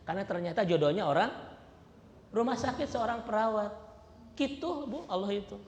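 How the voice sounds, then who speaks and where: Preacher guy, kinda high voice, keeps asking the crowd questions, big echoey hall. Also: lively intonation, moderate pace, a little hiss or hum. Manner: addresses congregation constantly with "Pak" and "Bu"; asks the audience rhetorical questions. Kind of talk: sermon. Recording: echoey hall, faint ambience.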